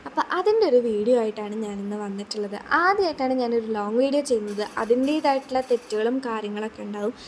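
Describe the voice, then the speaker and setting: A woman's voice: on the high side, lively intonation, fast talker, few pauses, a little hiss or hum. A young woman narrating a family video as a vlogger, chatty and a little shy, with many hesitant fillers. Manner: admits to being shy on camera.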